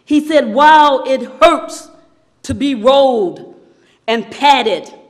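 A woman preacher tells a sermon story with a high voice and an unhurried pace. She swings between hushed passages and loud, dramatic peaks.

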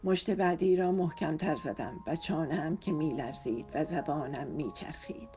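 A woman's voice: low-pitched, expressive, dark tone, soft background music. A woman reads a romance novel aloud as an audiobook narrator, in an emotive, dramatic first-person style.

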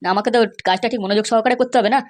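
A woman's voice: fairly high pitch, fairly even intonation, rapid-fire. A woman voicing a scheming, glib male fixer in a cartoon, boastful and reassuring. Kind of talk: cartoon voice acting.

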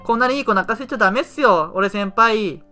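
A man's voice: high-pitched, fast talker, bright, forceful tone, soft background music. A man voicing a brash young male drinking buddy who scolds in casual junior slang. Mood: scolding.

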